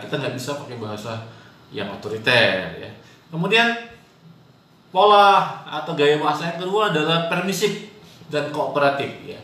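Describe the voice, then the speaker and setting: Male hypnosis teacher, bright voice, casual explainer, heavy room echo. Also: mid-range voice. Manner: explains with frequent "ya" tags and homely examples. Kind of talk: casual spoken lesson. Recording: very echoey room, faint noise.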